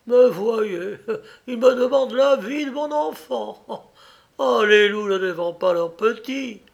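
A man's voice: a little high, fairly even intonation, slow pace, fairly bright tone. A man reading a storybook aloud, voicing a desperate young pregnant wife who pleads and then accuses in anguish. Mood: frantic.

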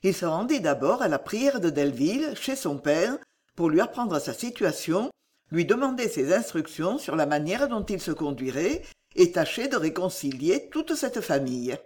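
A man narrating a novel aloud in an expressive, dramatic reading style. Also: high voice, normal speed. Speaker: audiobook narrator. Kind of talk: scripted audiobook narration.

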